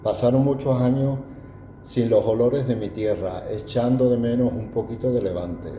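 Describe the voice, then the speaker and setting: A man's voice: mid-range voice, fairly even intonation, moderate pace, mellow, reverberant, a little hiss or hum. An older man from Andalusia with an Andalusian accent, giving a proud, reflective personal testimony. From Andalusia, Spain.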